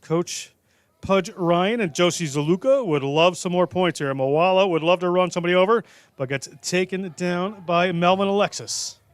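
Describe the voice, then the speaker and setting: A man calling live rugby play-by-play in a brisk, jokey way. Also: high-pitched, smooth, no room sound. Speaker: play-by-play commentator.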